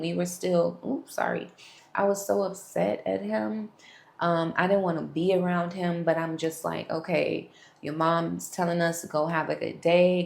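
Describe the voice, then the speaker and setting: Young woman, candid storyteller, talks to viewers, gravelly voice, echoey room. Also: low voice. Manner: frank, talks straight to viewers. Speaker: vlogger sharing a testimony. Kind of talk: candid personal storytelling to camera.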